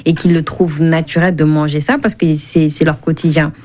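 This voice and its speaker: Her voice is low and a little mellow, with fairly even intonation and a moderate pace. She's a Senegalese cookbook author and food blogger, a guest on a radio interview who explains things conversationally and rephrases as she goes.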